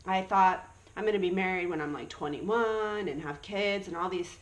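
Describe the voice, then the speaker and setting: Speaking at normal speed in a fairly low voice, an Australian woman in her early thirties tells her faith story. She comes across as sincere and uplifting.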